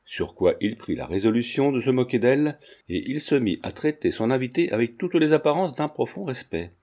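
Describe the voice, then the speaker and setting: A man reading a classic novel aloud as a measured, steady narrator. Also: medium pitch. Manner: measured, storytelling. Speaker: audiobook reader. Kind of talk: scripted narration.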